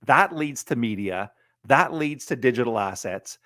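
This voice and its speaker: A man's voice: mid-range voice, animated, measured pace, bright, forceful tone, no room sound, clean studio sound. A man hosting a business interview podcast, chatty and joking, with frequent fillers and restarts. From Ottawa. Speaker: podcast host.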